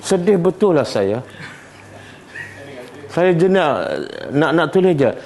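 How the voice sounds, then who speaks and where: A middle-aged man with a Malaysian Malay accent teaching a Quran study class, often quizzing his students with short questions and reciting verses slowly. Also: a little high, expressive, darkish tone. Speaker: religious teacher.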